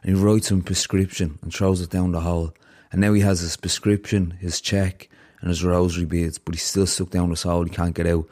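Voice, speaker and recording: A man's voice: sits low, flat delivery, a little fast, a little mellow. A man hosting a podcast, earnestly reflecting and telling a long parable to his guest. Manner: earnest, heartfelt, tells parables at length. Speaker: podcast host. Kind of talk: reflective conversation and storytelling.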